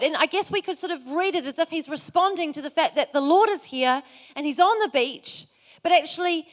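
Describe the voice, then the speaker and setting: A woman's voice: sits high, fairly bright tone. A woman preacher giving a church sermon, telling a story in an earnest, conversational way.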